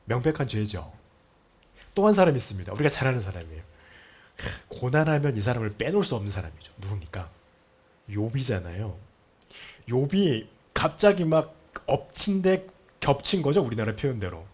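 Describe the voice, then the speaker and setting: Middle-aged man, pastor, storytelling sermon; husky, animated delivery with acted-out quotes. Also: mid-range voice, normal speed. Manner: lively storytelling, acts out quotes, drops to near-whispers.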